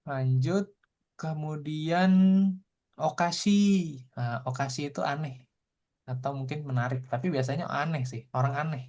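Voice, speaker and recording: A man teaching a language class, explaining vocabulary in a relaxed way and repeating tag phrases often. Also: medium pitch, normal speed.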